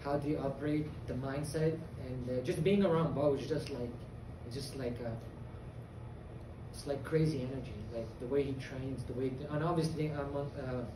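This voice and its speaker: A young man from Afghanistan, an MMA fighter giving a confident, earnest post-fight interview with many pauses and fillers. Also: medium pitch, steady tone, background noise. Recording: echoey venue, distant mic, loud crowd ambience.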